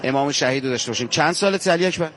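A man's voice: fairly high pitch, expressive, fairly bright tone, a little hiss or hum. A man reporting on location at a pilgrimage walk, talking fervently and emphatically to viewers and the people he interviews.

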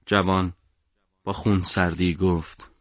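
A man narrating a story for an audiobook in a measured, dramatic way. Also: deep voice, little pitch movement, a bit bright, dry recording, studio quality.

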